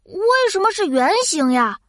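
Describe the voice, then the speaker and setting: A cheerful little child who hosts a children's science cartoon. The voice is very high and bright, with a dry, close sound. It is childlike, curious and full of wide-eyed exclamation. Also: female voice, big pitch swings, measured pace, no room sound, heavily acted. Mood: curious, impressed.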